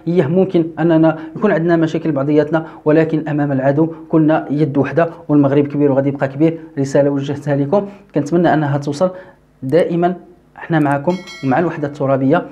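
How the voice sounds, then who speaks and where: Moroccan male commentator, quick and high-pitched, filler-heavy delivery, dull lo-fi sound. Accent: Moroccan Arabic. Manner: fast, animated, frequent fillers and self-corrections. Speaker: YouTube news commentator. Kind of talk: casual political commentary.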